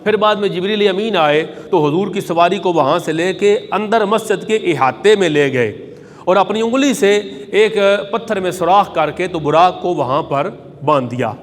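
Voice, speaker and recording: A man with a high voice delivers a Friday sermon, telling a sacred story with reverence. He recites Arabic hadith lines between his narration, and the long reverb of a large hall rings behind his voice. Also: expressive. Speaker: preacher.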